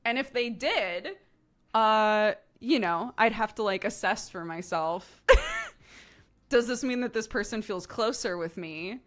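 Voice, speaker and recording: A young woman streamer chatting casually, laughing often and tagging her stories with quick "right?" asides. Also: mid-range voice. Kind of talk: casual chat.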